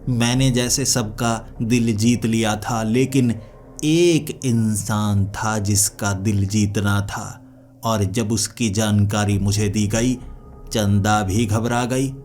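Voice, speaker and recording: A man's voice: fairly low pitch, slow, soft background music. Hindi-speaking man narrating a dramatic tale. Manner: expressive, voices other characters. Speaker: storyteller. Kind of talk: dramatic first-person storytelling.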